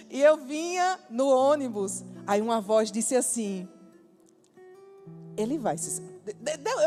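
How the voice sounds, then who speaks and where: A woman preaching a testimony, her fairly high voice swinging up and down as she acts out the story. A long church-hall reverb hangs on every phrase, with soft music underneath. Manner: lively storytelling, acts out dialogue, bursts of emphasis. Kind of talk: sermon testimony.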